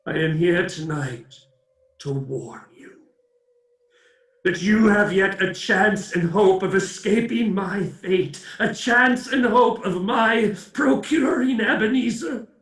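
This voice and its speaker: A man's voice: sits high, takes it slowly, a bit bright. An actor playing the tormented, remorseful ghost of a dead businessman in a radio play, declaiming with grand solemnity in a ghostly reverb. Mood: grave, urgent. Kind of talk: theatrical radio play acting. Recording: echoey, distant-sounding voice.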